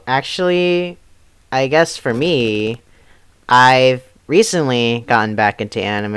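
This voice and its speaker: A young man leads a laid-back hangout chat, nudging the talk along with an easy laugh. His voice is smooth and clean, recorded dry and close with no room around it. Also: medium pitch, no room sound. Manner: relaxed, steers the topic, laughs often. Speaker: podcast host. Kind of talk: casual group chat over a call.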